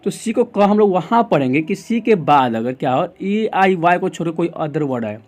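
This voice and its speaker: Casting: high-voiced Indian man as tutor; poses a question, answers it, repeats the rule. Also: a little mellow. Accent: Indian English. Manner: asks the class questions and answers them himself, repeats rules. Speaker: English pronunciation teacher. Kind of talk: explaining lesson in Hindi.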